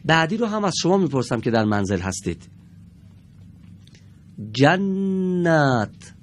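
A man teaching a televised classroom lesson in a studio, patient and encouraging with the pupils, drawing out each example word slowly and deliberately. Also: mid-range voice, sing-song, slight background noise.

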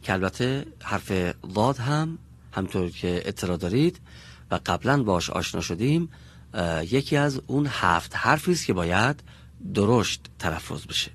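Guy teaching pronunciation in class, lowish husky voice, spells out each sound real slow. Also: expressive, fairly bright tone. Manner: slow and deliberate, drawing out each sound as he demonstrates it. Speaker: Quran recitation teacher. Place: classroom with students.

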